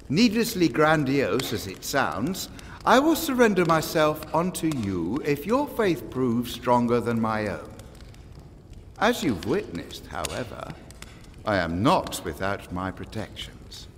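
An elderly lord of a pagan island, smug and silver-tongued. His speech soars and dips dramatically at a middling pitch, pompous and taunting. It is an audio drama recording with long, hall-like reverb. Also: huge pitch swings, measured pace, slight background noise. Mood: sly, urbane. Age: older. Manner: pompous, taunting, silkily eloquent.

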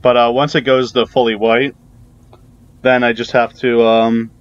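A man's voice: medium pitch, little pitch movement, measured pace, smooth, muffled recording. A man giving casual, hesitant commentary while playing a video game, full of fillers and the odd curse. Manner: rambling, hesitant, swears when startled. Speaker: gameplay video creator.

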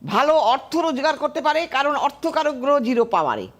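A woman's voice: high voice, big pitch swings, a little fast. A woman astrologer, giving firm, emphatic predictions to callers on a TV call-in show.

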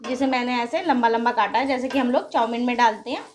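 Speaking quickly in a fairly high voice, a cooking-channel host explains a recipe step by step from her home kitchen, where a gas stove sits. She's patient and instructive and treats viewers as friends. The audio carries a slight hiss or hum.

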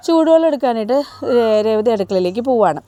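Fast-talking woman recapping a TV serial. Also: a little high, expressive, warm tone, a little hiss or hum. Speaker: TV serial episode reviewer. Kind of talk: chatty storytelling recap.

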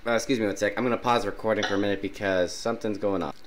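A young gaming YouTuber with a sinus infection and sore throat talks rapid-fire in a lowish voice, casually commenting on a game and reading its dialogue in a flat tone while clearing his throat often. He's in a small dark room at home, with loud game music and a little hiss or hum in the background.

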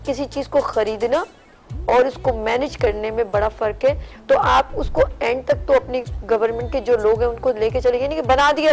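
A woman's voice: high-pitched, darkish tone. A woman hosting a morning talk show, speaking earnestly and at length in a casual studio discussion. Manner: earnest, lecturing, talks at length.

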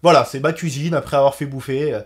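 A man's voice: medium pitch, quick pace. A young man giving casual reaction commentary on a TV show, joking and ranting with lots of swearing. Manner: swearing, joking, animated rants.

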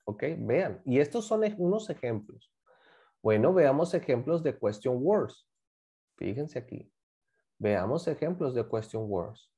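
A man's voice: mid-range voice, sing-song, measured pace, dark tone, breathy edge. A man teaching a class, patiently explaining grammar and repeating examples while asking students to join in. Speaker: English teacher.

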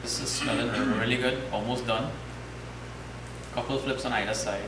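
A man in his thirties with a Trinidadian accent, calmly explaining a recipe step by step in his home kitchen. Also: medium pitch, moderate pace, background noise. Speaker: home cook. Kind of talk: cooking demonstration. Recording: echoey kitchen with loud sizzling. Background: frying sizzle.

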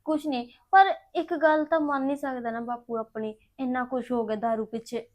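An actress playing a young woman of a poor village family, crying and talking in a soft, subdued, pleading voice. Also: sits high, fairly even intonation, fairly quick, natural voice. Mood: prayerful. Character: tearful elder sister of a poor family, self-sacrificing. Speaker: actress in a short family drama.

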